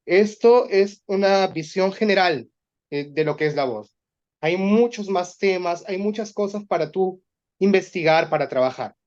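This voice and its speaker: A man's voice: high-pitched, a little slow, darkish tone, dull audio. A man leading a voice workshop for teachers, explaining and demonstrating exercises aloud.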